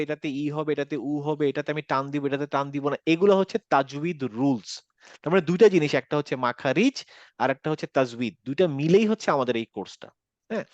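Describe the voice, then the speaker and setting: In an online class lecture, a man with a Bangladeshi accent teaches Quran pronunciation step by step, mixing in English words and asking checking questions. His voice is fairly high, and the recording is dry and lo-fi.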